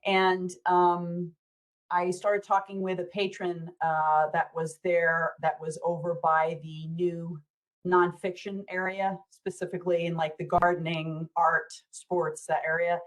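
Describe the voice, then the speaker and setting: A woman trustee asks questions at a board meeting held over a video call. Her voice sits a little low, and she talks in a chatty, hesitant way with many pauses and fillers. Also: flat delivery, poor audio. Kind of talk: meeting discussion.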